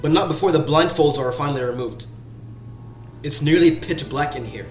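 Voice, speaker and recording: A man narrating as game master in the second person, slow and halting with restarts. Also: a little high, darkish tone. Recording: roomy sound, faint background music.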